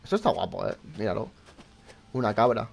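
A man's voice: lowish voice, a little fast, gravelly, slight background noise. A young man with a Spain Spanish accent giving casual live commentary as he plays a horror game, swearing often and speaking to his viewers. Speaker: gameplay streamer.

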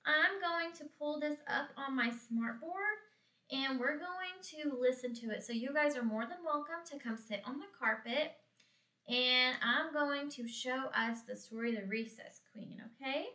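High-voiced teacher in an echoey classroom. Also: female voice, measured pace, bright, forceful tone. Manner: friendly, instructive. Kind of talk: addressing a class. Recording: roomy classroom echo, distant mic.

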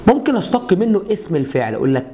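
A man's voice: high-pitched, big pitch swings, very fast, mellow, slight background noise. A middle-aged man with an Egyptian accent, teaching Arabic grammar at a board and explaining step by step with repeated rhetorical questions to his students. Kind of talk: classroom lesson at a whiteboard.

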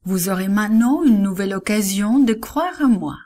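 A woman voicing a gentle, calm male teacher in a children's Bible story, read softly and kindly. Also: mid-range voice, normal speed, close to an everyday voice.

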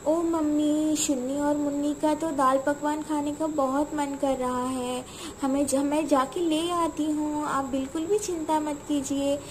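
A woman's voice: sits high, level tone, measured pace, slight background noise. A woman voicing a brave, cheerful young daughter in a doll cartoon, chatty and full of exclamations. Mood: reassuring.

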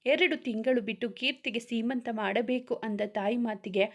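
A woman with a Kannada accent narrating a serialized romance story in a steady reading voice. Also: fairly high pitch, moderate pace.

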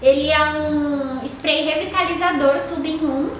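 Bright, high-voiced Brazilian woman vlogger. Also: steady tone, unhurried. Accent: Brazilian Portuguese. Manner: chatty, gushing, lots of fillers like "tá?" and "ó". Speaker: beauty vlogger. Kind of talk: casual product review. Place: small indoor room with a sofa. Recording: very echoey room with faint noise.

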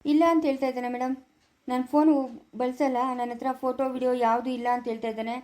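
A woman's voice: high-pitched, level tone, racing, a little mellow, lightly acted. A woman playing an obedient male constable who answers his superior politely. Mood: deferential. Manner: deferential, keeps saying madam.

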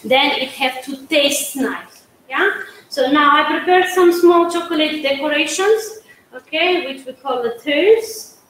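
A middle-aged woman from Georgia, a pastry chef, presents a cake in a live cooking demonstration, coaxing viewers in chatty, broken English marked by her Georgian accent. Her voice sits high with a fairly bright tone. The large indoor studio kitchen gives an echo and a faint hum.

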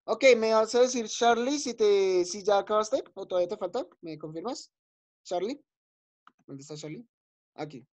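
A male teacher leading an online class for young children. He is patient and encouraging, repeating each word slowly and checking in often. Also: sits high, animated, a little mellow. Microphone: video call. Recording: dull lo-fi video call audio.

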